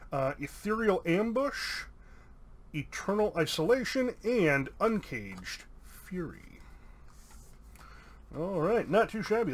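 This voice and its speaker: A man hosting a casual pack-opening video, reading out card names in an upbeat, chatty way with an American accent. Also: sits high. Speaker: YouTube host opening card packs.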